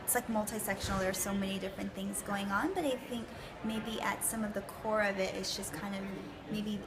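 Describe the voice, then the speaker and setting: A young woman delegate answering in a hesitant, soft way with many fillers. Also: mid-range voice, fairly even intonation, brisk, background noise. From United States. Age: young adult. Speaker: conference delegate. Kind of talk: interview answers. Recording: loud background music.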